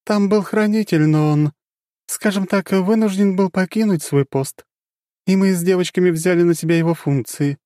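A man voicing a playful, sly and powerful dark goddess in an audiobook. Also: sits high, moderate pace, no room sound, studio quality, pitched above the performer's own voice, lightly acted. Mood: grave. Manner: teasing and giggly, turning grave. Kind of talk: audiobook character voice.

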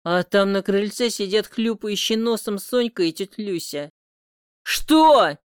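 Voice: medium pitch, moderate pace, clean tone, no echo. An audiobook narrator reading a first-person romance with emotional, intimate delivery, recorded on a close studio mic.

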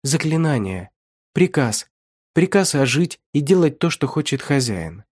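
A man's voice: on the high side, big pitch swings, slightly rough, dry recording, clean studio sound, voice pushed up, heavily acted. A man voicing a tearful, frightened young woman. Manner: halting, tearful, stammering. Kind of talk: audiobook reading.

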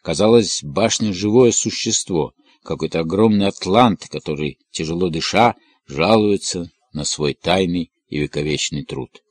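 A man narrating a novel in a steady, measured storytelling manner. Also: sits low, slightly rough, no room sound. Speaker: audiobook reader.

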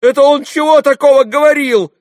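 A man voicing an agitated, dim-witted young clerk who keeps shouting the same words, in a storybook reading. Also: very high-pitched, dry recording, clean studio sound, voice pushed up. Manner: shouting, repetitive, slow-witted.

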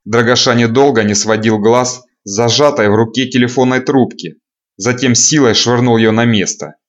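A man narrating an audiobook in a measured, dramatic reading style. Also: mid-range voice, dull audio.

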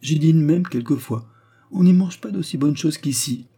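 A man's voice: a little high, moderate pace, dark tone, breathy edge, pitched above the performer's own voice. Easygoing young guy, smiling and polite, man reading it. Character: good-humored young man, calm and polite.

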